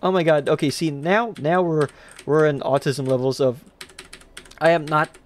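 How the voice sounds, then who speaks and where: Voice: medium pitch, normal speed. A livestreamer giving rambling, self-mocking live commentary while playing, swearing and raging at the game.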